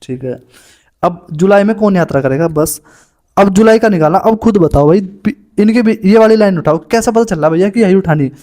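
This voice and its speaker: A man's voice: high voice, dark tone. A young man coaching exam students through puzzles on a board, chatty and informal, often calling listeners "bhai".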